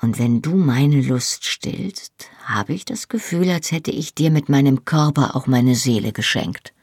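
A tender young Scottish husband murmurs low and teasing, as an audiobook reader puts him on. The voice is gravelly and a touch husky, close and dry, with little pitch swing. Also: measured pace, no room sound. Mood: intimate, playful. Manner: soft, intimate, often whispered. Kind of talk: audiobook reading.

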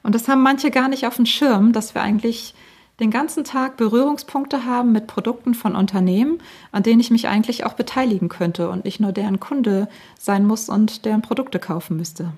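A woman's voice: fairly high pitch, brisk, a little mellow, breathy edge. A woman explaining things conversationally as an expert guest and financial adviser.

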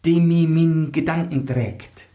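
A man's voice: a little high, takes it slowly, dark tone, pitched above the performer's own voice. A man voicing an ugly, scheming young bride who scolds shrilly. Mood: haughty. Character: false bride, ugly young woman, scheming and short-tempered.

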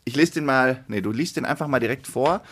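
A man's voice: medium pitch, a little fast, fairly bright tone, slightly rough. A man in his thirties co-hosting a podcast, chatting casually, laughing easily and explaining things. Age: 30s. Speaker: podcast co-host. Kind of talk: casual chat.

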